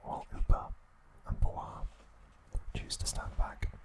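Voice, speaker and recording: In a soft, breathy whisper, this male ASMR host walks through a recap. He speaks in brief, faltering bits.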